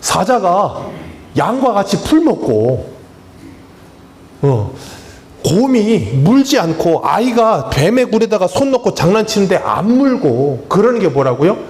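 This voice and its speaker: A male pastor preaches in a church with a voice pitched a little high for a man, swinging up and down as he talks. He keeps putting questions to the congregation and answering them himself, in a chatty, humorous way. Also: sing-song, measured pace, darkish tone. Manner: conversational, plain-spoken preaching with touches of humor. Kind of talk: sermon. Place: church sanctuary.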